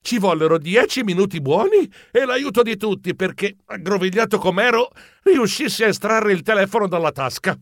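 Lively, expressive male storybook narrator. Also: sits high, normal speed, no echo, clean studio sound. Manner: animated, comic first-person telling. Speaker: audiobook narrator.

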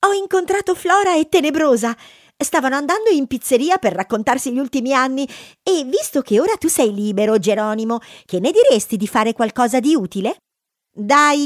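A woman voicing a brisk, bossy female mouse who talks in an encouraging way in an audiobook story. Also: high-pitched, dry recording, studio quality. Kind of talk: audiobook character reading.

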